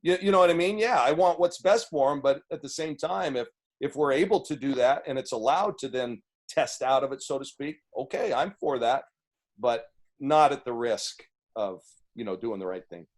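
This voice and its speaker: On a video call, a head coach with a booming voice fields press questions. He comes across as earnest, speaking haltingly and restarting his sentences.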